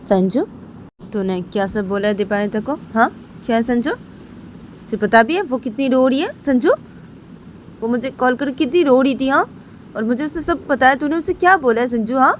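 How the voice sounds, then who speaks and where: A woman's voice: sing-song, slow pace, long pauses, fairly bright tone, a little hiss or hum, heavily acted. A woman voicing a reproachful young female friend who scolds over the phone. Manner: accusing, pitched high.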